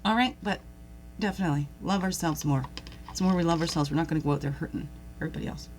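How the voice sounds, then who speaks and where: A woman's voice: low voice, fast talker, slight background noise. A woman hosting a daily spiritual reflection, talking loosely, laughing at herself and asking the listener many questions. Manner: rambling, warm-hearted, laughs at herself, asks the listener questions. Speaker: host of a daily reflection show. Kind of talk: casual spiritual reflection talk.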